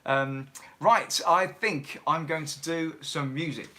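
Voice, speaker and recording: A man's voice: a little high, slow pace, noisy background. A man hosting a casual livestream from home, chatting and reading out viewer comments. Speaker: livestream host and musician.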